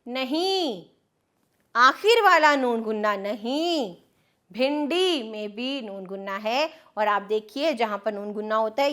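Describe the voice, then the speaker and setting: Slow, patient woman teaching a lesson. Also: a little high, a bit bright. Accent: Urdu. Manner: patient, explains step by step, drills word lists. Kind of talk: classroom lesson on spelling rules.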